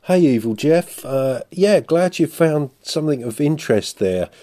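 A man's voice: on the high side, animated, a little slow, warm tone. A man hosting a podcast, answering listener messages in a hesitant, self-deprecating way, with many fillers. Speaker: podcast host. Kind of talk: podcast chat replying to listeners.

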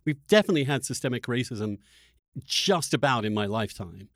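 A podcast host interviewing a guest argues through political ideas articulately, yet his speech is halting, with repeated restarts as he hunts for words. His mid-range voice is expressive, recorded at studio quality with no echo.

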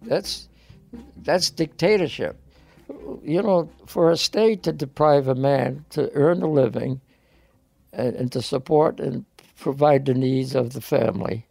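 An older man giving a halting, emotional personal account, repeating words as he grows tearful. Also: medium pitch, creaky, a little mellow, dry recording, soft background music. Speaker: interviewee.

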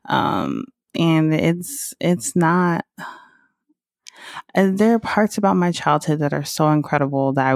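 A woman's voice: very deep voice, dry recording, studio quality. A woman, hosting her own podcast in a candid, chatty way, laughing often and talking loosely. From Southern United States. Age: 30s. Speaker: podcast host. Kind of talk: casual podcast monologue.

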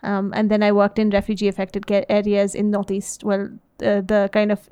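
A woman in her thirties, raised in India and the US, answering interview questions in a relaxed, thoughtful way with many fillers and restarts. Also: mid-range voice, moderate pace, smooth. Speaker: interview guest, social enterprise CEO. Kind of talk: casual interview conversation.

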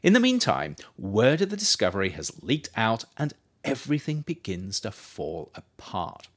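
An author narrates his own nonfiction audiobook, his pitch lively and ranging widely. The reading is measured and scripted, with expressive emphasis on key phrases.

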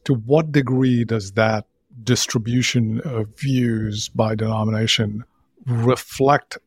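A man hosting a podcast interview, asking reflective, measured questions. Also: fairly low pitch, husky, no room sound. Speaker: podcast host.

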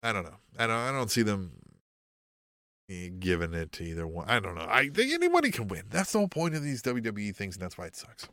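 A man's voice: lowish voice, very animated, fast, fairly bright tone, no echo, studio quality. A man hosting a podcast in casual, profane, rambling chat with a sardonic edge. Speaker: podcast host.

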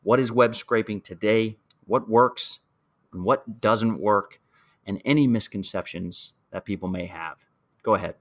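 A man's voice: lowish voice, unhurried. A man hosting a podcast, reading a polished intro and asking his guest questions. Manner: polished, scripted-sounding delivery. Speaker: podcast host.

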